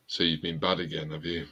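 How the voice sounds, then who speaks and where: Bright, jokey man hosting a stream. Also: extremely low pitch, slightly rough, highs cut off. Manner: jokey, laughs often. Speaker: host of a live stream. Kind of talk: casual live-stream banter. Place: home room near a staircase.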